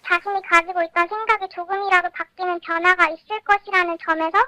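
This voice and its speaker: Teen student through a high-pitched voice changer. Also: steady tone, sharp tone, no echo. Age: teens. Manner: careful, measured and polite, with frequent "uh" fillers. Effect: pitch-raising voice changer for anonymity. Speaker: high school student interviewee.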